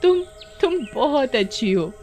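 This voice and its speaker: A woman's voice: high voice, sing-song, a little slow, a little mellow, soft background music, voice pushed up, heavily acted. A woman voicing a young village girl in a storybook tale, pleading and stammering. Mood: amazed.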